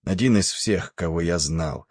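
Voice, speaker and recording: Brief: man doing a big, coarse stoker, scornful and defiant, husky, dry close sound. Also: sits low, normal speed, dry recording. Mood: gruff. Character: big coarse angry male ship's stoker.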